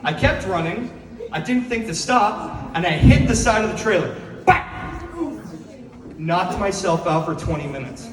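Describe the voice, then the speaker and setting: A man's voice: high voice, expressive, moderate pace, a crowd in the background. A young man performing a stand-up set on a coffee shop stage, telling self-deprecating stories and laughing at his own jokes. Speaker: stand-up comedian. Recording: echoey coffee shop from far off. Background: audience laughing.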